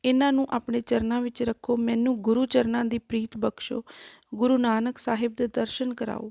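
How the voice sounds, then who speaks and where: A woman narrating a devotional life story in a measured, reverent way. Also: on the high side, vocal fry, mellow, no echo, studio quality.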